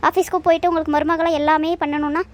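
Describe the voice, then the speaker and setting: A woman's voice: sits high, level tone, very fast, natural voice. A woman voicing a firm, indignant cartoon working wife who argues back. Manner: firm, arguing.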